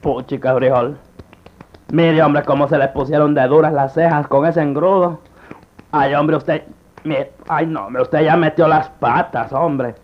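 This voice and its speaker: A man's voice: on the high side, steady tone, unhurried, dull audio, lightly acted. A man playing a folksy, touchy, wisecracking rustic sidekick in a slapstick comedy sketch, with a Central American accent. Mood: wry, fretting.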